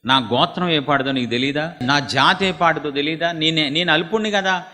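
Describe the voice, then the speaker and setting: A man's voice: a little high, normal speed, sharp tone, voice pushed up. A man preaching voices a stunned young king who cannot believe he has been chosen, in an echoey hall. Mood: disbelieving.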